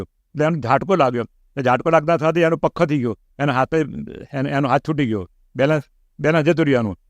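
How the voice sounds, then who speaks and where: A middle-aged man tells a personal pilgrimage story as an interview guest. He talks quickly and animatedly, and he acts out quoted lines with a raised voice. The sound is close and dry. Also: fairly high pitch, no echo.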